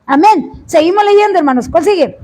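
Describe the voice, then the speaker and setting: Woman preacher, very high voice, impassioned sermon, draws out words, bursts into shouts. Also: expressive, fairly quick.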